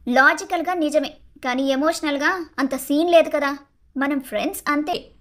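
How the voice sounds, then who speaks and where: Cartoon story: a woman as a blunt, scolding young wife, high voice. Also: normal speed, fairly bright tone. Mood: puzzled. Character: young married woman, sharp-tongued and feisty. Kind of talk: Telugu storybook cartoon dialogue.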